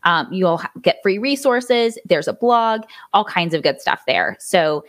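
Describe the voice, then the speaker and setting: Woman podcast guest, bubbly, giggly, very lively pitch, casual chat. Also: unhurried.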